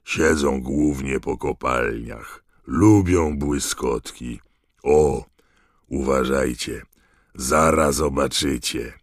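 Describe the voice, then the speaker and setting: A huge, cheerful gamekeeper from a storybook, as a man puts him on. He talks slowly and loudly, stretching out his words in a very deep voice. The sound is dry and close. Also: no echo, full character voice. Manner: slow, loud, drawn-out delivery.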